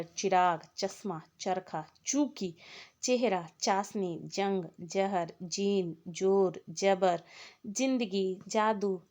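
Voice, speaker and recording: A woman teaching an exam-prep lesson, explaining points one by one and reading out lists of words. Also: medium pitch. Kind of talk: exam-prep lecture on Hindi linguistics.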